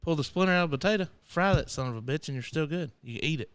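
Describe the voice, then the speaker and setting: A man's voice: a little high, animated, racing, fairly bright tone, smooth. A man co-hosting a live radio podcast, joking, swearing freely and laughing often. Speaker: podcast co-host. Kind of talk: casual live radio banter.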